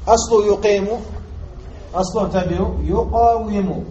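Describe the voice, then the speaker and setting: An Algerian man, a sheikh teaching Arabic morphology, works through a grammar text in a classroom lesson, pausing to ask his students rhetorical questions and drilling key points by repeating them. His voice is high-pitched and animated with a darkish tone. The lesson recording is muffled and lo-fi, with faint background noise.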